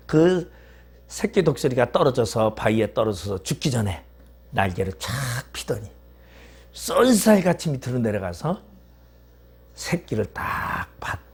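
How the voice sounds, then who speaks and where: Male preacher, husky voice, mid pitch, animated storyteller asking the congregation questions. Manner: vivid storytelling with rhetorical questions. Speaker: pastor. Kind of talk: sermon. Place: church.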